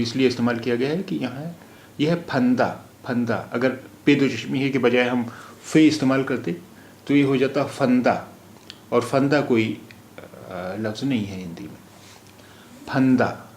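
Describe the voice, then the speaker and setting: Slow, patient male language teacher. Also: medium pitch, darkish tone, echoey room, a little hiss or hum. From India. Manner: slow, repeats words for drill. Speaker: Urdu teacher. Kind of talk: phonetics lesson.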